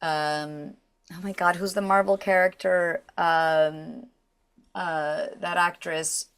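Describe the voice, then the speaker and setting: A woman, a voice actress, chatting in an interview with a naturally low voice, animated and full of fillers. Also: slow, clear, resonant tone. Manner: animated, slips into character voices, filler-heavy. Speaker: voice actress guest. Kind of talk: casual interview chat.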